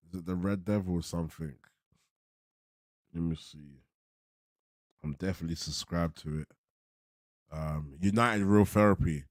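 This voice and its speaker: Deep-voiced London roadman, laid-back. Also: darkish tone, no echo, clean studio sound. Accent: London roadman, multicultural urban slang. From London, England. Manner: laid-back, slangy, repeats himself, tag phrases. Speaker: football fan channel host. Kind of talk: casual livestream chat with viewers.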